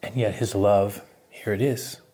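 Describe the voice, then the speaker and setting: Pastor guy preaching, husky voice, slow and animated, chuckles a lot. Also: lowish voice. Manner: animated storytelling, chuckling often. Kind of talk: sermon.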